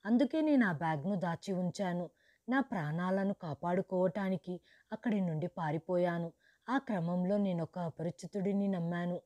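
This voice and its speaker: A woman reads a storybook aloud in the first person, voicing a grieving widowed mother who has lost her wealth. Her delivery is steady and measured, only lightly acted, and her voice is on the low side. There's no room sound.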